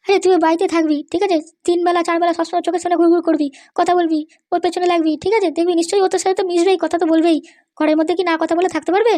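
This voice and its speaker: Woman plays a shrill, scolding cartoon mother, very high and fast. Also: little pitch movement, dark tone, no room sound. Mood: scheming. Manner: nagging, scolding. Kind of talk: cartoon voice acting.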